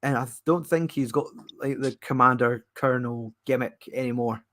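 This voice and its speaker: A man's voice: medium pitch, moderate pace, bright, forceful tone. A man co-hosting a casual live-reaction chat, rambling and laughing often. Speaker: co-host. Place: at home watching TV.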